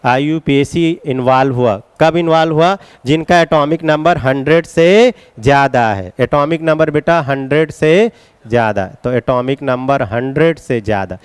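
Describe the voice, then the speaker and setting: A man teaching chemistry in a classroom lecture, coaxing his students with questions and chanting mnemonics in a slow singsong. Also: mid-range voice, clear, resonant tone, no room sound. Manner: coaxing, calls students beta, asks and answers questions.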